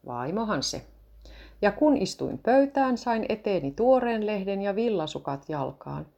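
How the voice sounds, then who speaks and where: A woman reading a patient father of two small children, with a gently coaxing manner. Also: medium pitch, sing-song, vocal fry. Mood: cheerful.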